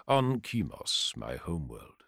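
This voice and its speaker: A man voicing a calm, reverent male swordsman who tells a story in a low, hushed, slow voice. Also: creaky, husky, dry recording, studio quality, heavily acted.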